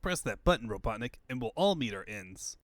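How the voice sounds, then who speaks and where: A man performs a young heroic cartoon hedgehog. He sounds cocky and brisk, with very animated intonation. The recording is dry and close. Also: medium pitch, no echo, close to an everyday voice. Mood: confident. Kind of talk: comic book fan dub.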